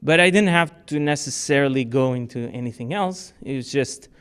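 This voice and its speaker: In a club meeting room, a man from Portugal talks to the audience and answers their questions loosely, with frequent fillers and restarts. His medium-pitched voice is smooth and a bit bright, and his pace is moderate.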